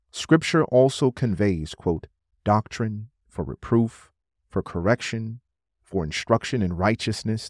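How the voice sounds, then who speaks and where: A man reading a scholarly religious text aloud as scripted narration, in a formal, measured manner. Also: fairly low pitch, darkish tone, dry recording, clean studio sound. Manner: formal, measured, announces quotations.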